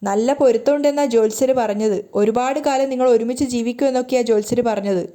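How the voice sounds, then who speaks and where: A woman voicing a cheerful young woman about to marry in a serial recap, brisk and practical. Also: a little high, dark tone, close to an everyday voice. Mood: eager. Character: cheerful young bride-to-be, eager.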